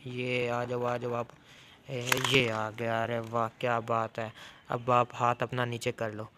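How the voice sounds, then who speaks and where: A man narrating his toy play in an excited, exclamatory way, talking to the toys as if to a child. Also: mid-range voice, takes it slowly, very noisy.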